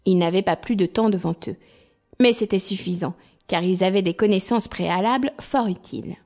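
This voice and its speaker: A woman reading a fairy tale aloud as storyteller, in an expressive, lively way. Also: medium pitch, a little fast.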